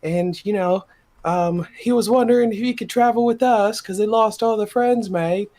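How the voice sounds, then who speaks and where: A man voicing a cheeky, chatty male bard in a tabletop game, speaking loudly and stretching his words out. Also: high-pitched, moderate pace, close to an everyday voice. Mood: cagey.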